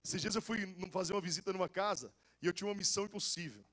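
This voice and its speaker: A young adult man, a pastor with a Goiás accent, preaching a lively sermon full of jokes, stories and casual slang. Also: sits high, racing. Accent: Goiás Brazilian Portuguese. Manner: animated and joking, with casual slang.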